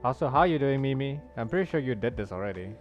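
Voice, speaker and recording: Talking fast and expressively in a mid-range voice, this man livestreams a game and keeps up friendly banter with his viewers, welcoming them and reading their chat messages out loud. His audio is dull, and gentle music plays in the background.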